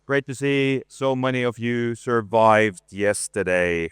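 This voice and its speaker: A man in his forties giving a conference presentation, relaxed and self-deprecating, with frequent hesitations and a voice worn from talking a lot. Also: mid-range voice, takes it slowly, faint music behind. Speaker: conference speaker, art director. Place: conference stage.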